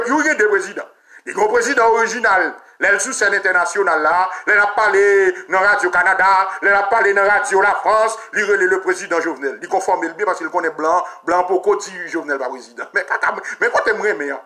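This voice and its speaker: Haitian male radio host, high-pitched and bright, emphatic ranting commentary. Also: quick pace. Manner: emphatic, repetitive, swears, pitch jumps when ranting. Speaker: radio talk show host. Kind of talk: heated political commentary.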